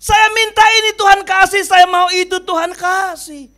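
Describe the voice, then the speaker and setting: A man voicing a stubborn, devout old village man who insists loudly and slowly that his prayers will be answered. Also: extremely high pitch, voice pushed up. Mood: complaining. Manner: shouting insistently, slow and emphatic.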